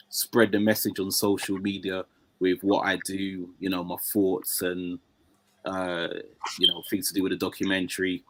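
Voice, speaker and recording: A man with a deep, low voice talks as a guest on a conversational show. He stops and restarts often and leans heavily on fillers. The sound is dry and close, with no room echo. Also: a bit bright. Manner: halting, many fillers and restarts. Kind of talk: casual conversation.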